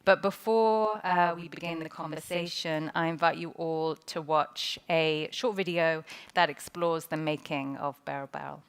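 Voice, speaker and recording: A woman curator moderating a panel conversation, introducing guests and prompting them in a measured way. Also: sits low, steady tone, noisy background.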